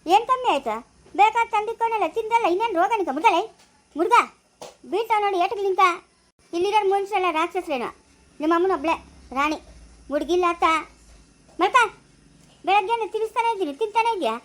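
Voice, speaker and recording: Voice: extremely high pitch, quick pace, pauses often. A girl playing a flustered village woman looking after a crying baby in a family skit. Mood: fretful. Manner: fretful, complaining.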